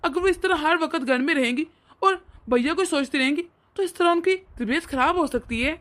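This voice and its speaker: A woman's voice: high voice, brisk, a bit bright. A woman voicing an earnest young husband who patiently reasons and sounds exasperated in a cartoon story. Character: earnest young husband, loyal to his family.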